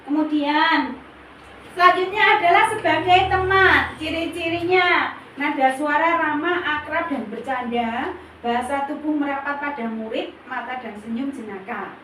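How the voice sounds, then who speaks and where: A woman's voice: sits high, normal speed, fairly bright tone. A woman kindergarten teacher giving a workshop presentation to colleagues, explaining points in lists and acting out sample teacher lines. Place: school room. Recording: echoey room, mic far off, faint noise.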